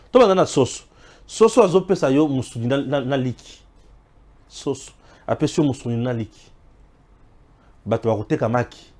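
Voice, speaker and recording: A man from Congo giving impassioned political commentary, preachy and emphatic, swinging between loud exclamations and low asides. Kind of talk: impassioned political talk mixing French and Lingala.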